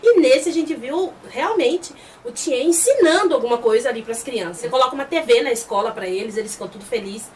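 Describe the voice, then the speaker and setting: A woman's voice: high-pitched, lively intonation, fairly quick, few pauses, darkish tone. Woman host recapping an episode, chatty, voices the characters. Slightly distant mic, faint background noise. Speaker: host reviewing a TV series.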